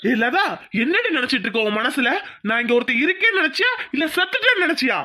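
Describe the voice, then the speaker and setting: A woman's voice: high-pitched, lively intonation, normal speed. A woman doing a furious proud village father. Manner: shouting, scolding, wounded pride. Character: angry proud village father, middle-aged man. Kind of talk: cartoon voice acting.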